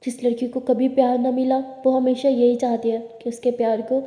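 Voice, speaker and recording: A woman's voice: fairly high pitch, level tone, moderate pace, mellow, close to an everyday voice. A woman voicing a shy, nervous young woman who stammers and hesitates, in a storybook reading, recorded in a roomy space with a long reverb. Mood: tender.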